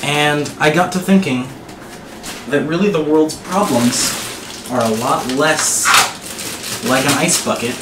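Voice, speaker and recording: A man giving an earnest, reflective monologue to camera in a deliberate way, with phrases that trail off. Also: a little high. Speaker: vlogger. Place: small bathroom, indoors. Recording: echoey bathroom with clear background noise.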